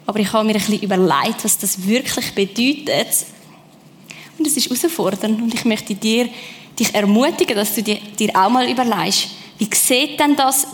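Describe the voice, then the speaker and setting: A woman preaching a sermon, lively and personal, speaking straight to her listeners. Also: on the high side, big-room sound, slight background noise.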